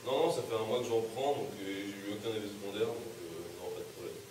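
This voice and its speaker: A young man in a student sketch, playing a relaxed classmate who talks casually with some hesitation. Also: on the low side, quick pace, close to an everyday voice. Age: young adult. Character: laid-back male student classmate. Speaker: student actor. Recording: echoey room, distant mic, some noise.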